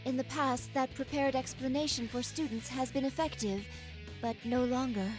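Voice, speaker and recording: A man's voice: very high voice, steady tone, moderate pace, over music, voice pushed up. A man voicing a polite, formal female android schoolgirl in a raised voice. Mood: calm polite.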